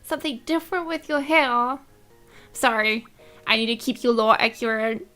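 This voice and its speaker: Young woman gaming vlogger, high voice, giggly and excitable, casual commentary. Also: moderate pace, soft background music. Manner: bubbly and excitable, giggles often. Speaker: gaming YouTuber.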